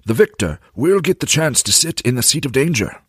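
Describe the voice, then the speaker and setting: A man voicing a solemn old male wizard, proclaiming gravely with a breathy voice. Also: mid-range voice, very animated, a little fast, no echo, clean studio sound, voice pushed up.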